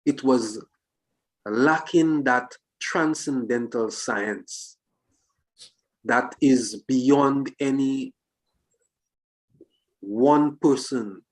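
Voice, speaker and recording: A man with a mid-range voice, heard through poor audio, reasons philosophically in a discussion. He speaks deliberately, phrase by phrase, raising questions as he goes.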